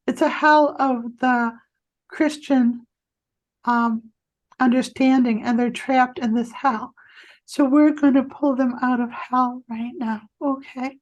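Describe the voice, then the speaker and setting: A female energy healer guides a client through a healing session in a high voice, speaking soothingly and reassuringly but with halting restarts. The recording sounds muffled.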